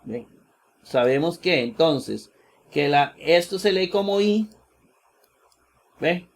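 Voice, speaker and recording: Brief: male Bible lecturer, slightly high voice, slow and halting, lots of fillers and tag questions. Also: lively intonation. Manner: unhurried, searching aloud, tags sentences with "¿verdad?"; frequent "eh" fillers and self-corrections. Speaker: biblical exegesis teacher. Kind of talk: slow screen-share lecture on Greek manuscripts.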